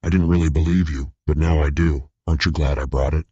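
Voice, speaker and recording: Man voicing skeptical calm young boyfriend, very deep, husky, dry, lo-fi storybook read. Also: quick pace, dry recording. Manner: calm, reasoning. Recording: dull lo-fi recording.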